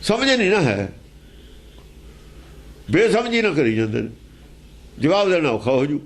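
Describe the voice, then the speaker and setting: A man's voice: on the high side, big pitch swings, unhurried. A man teaching scripture in an emphatic, argumentative way, asking pointed rhetorical questions. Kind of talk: explaining scripture verse by verse.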